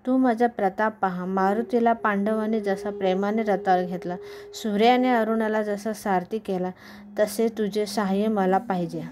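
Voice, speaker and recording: A woman's voice: mid-range voice, fairly even intonation, moderate pace, a little mellow, close to an everyday voice. A woman reading as a bold, defiant male sage. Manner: firm, challenging. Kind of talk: devotional scripture reading.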